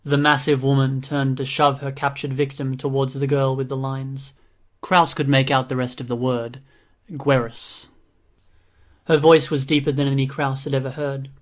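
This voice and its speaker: Audiobook narrator, male, mid-range voice, flat steady delivery. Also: medium pitch, normal speed. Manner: even, steady reading. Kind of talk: scripted narration.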